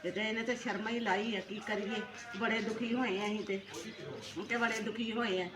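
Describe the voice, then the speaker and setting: A woman's voice: medium pitch, normal speed, noisy background, close to an everyday voice. An older woman playing an indignant mother who scolds her daughter's husband, cutting in again and again to ask what she thinks, in an amateur family skit. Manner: indignant, keeps asking "hain?". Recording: roomy, dull lo-fi sound.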